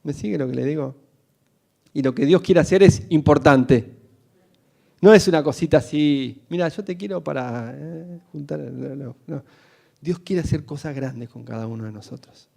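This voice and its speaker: A man with a Rioplatense Spanish accent, preaching a sermon as a pastor, animated and full of stories, calling the congregation to repeat after him. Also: fairly high pitch, gravelly.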